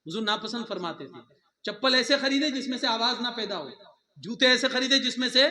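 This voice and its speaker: Animated man preaching in a bright, high voice. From India. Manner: animated preaching with laughing asides, raising his voice for emphasis. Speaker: religious teacher. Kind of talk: sermon.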